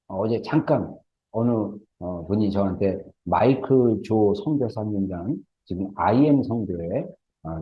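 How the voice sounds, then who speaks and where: A man's voice: fairly low pitch, slightly rough. A male pastor giving a Sunday sermon in a church, talking earnestly with filler sounds between phrases and building to fervent, emphatic peaks. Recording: dull lo-fi sermon recording.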